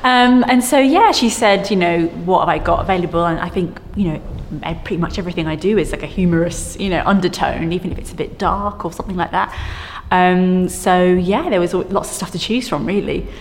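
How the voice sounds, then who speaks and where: A woman's voice: on the low side, fairly quick, hardly any pauses. Woman, casual interview chat, long hall reverb, faint background noise. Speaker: artist being interviewed.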